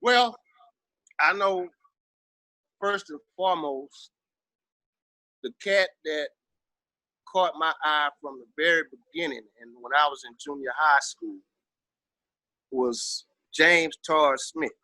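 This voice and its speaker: A veteran rapper, a middle-aged man with a Southern American accent, reminisces casually as an interview guest, emphatic, slangy, streetwise and full of swearing. His voice sits fairly high and sounds sharp, and he talks slowly with frequent pauses. The recording is low quality, with no room sound.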